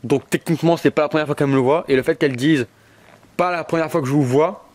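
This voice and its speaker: A man's voice: a little high, fast talker, a little mellow. Anxious man thinking aloud. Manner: hesitant, thinking aloud with many fillers and restarts; raises voice to call out to spirits. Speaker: ghost hunter vlogger. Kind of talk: solo paranormal investigation vlog. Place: abandoned brickworks. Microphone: headphones on, portable recorder.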